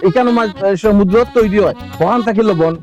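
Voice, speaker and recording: A man doing a boastful Sylheti village husband in a comic drama, his voice sitting high for a man as he rattles off showy patter to his viewers. Faint music plays underneath. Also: a little fast, a little mellow, natural voice. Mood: showing off. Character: boastful village husband eating raw fish for views. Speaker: husband filming a food video.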